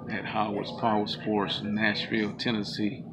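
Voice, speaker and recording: A man's voice: on the low side, monotone, moderate pace. A middle-aged man chatting casually and upbeat for a travel vlog, filmed on a handheld camera at arm's length at a campground and in a shop. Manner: easygoing, upbeat, plain-spoken. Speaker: vlogger on a motorcycle road trip. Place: campground outdoors and a motorcycle shop. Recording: clear outdoor background noise.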